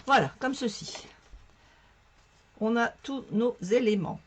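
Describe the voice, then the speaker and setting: A woman with a hoarse, strained voice explaining a card-making tutorial in a chatty, self-mocking way as she works. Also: a little high, animated, takes it slowly, a little hiss or hum. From northern France. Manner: chatty, talks to viewers while working, self-mocking. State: hoarse from a sore throat. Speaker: craft tutorial host. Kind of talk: casual crafting tutorial.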